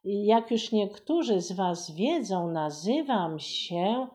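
A woman's voice: mid-range voice, animated, takes it slowly, dark tone. A woman voicing a friendly, patient male children's author who speaks mildly and a little hesitantly. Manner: mild, a bit hesitant.

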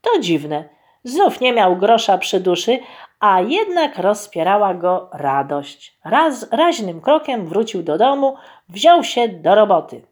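A woman narrates a fairy tale for children, taking her time over every phrase. Her pitch rises and falls widely, giving the telling a lively, sing-song shape. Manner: expressive, unhurried, addressing children. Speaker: storyteller.

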